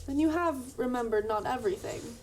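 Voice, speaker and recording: Calm, formal unseen beings from the far future, speaking with odd inflections and stiff phrasing, as a woman reads them aloud. The voice sits fairly high. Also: brisk, a little hiss or hum, close to an everyday voice.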